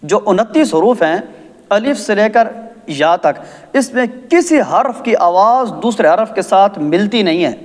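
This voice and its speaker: A male Quran recitation teacher with a Pakistani Urdu accent and a fairly high voice, drawing out each word as he demonstrates. He keeps checking that his listeners follow along. His voice carries a long reverb, as if he were in a hall. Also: animated. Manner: drawn-out demonstrations, frequent "theek hai?" checks. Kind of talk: tajweed lesson with chanted recitation.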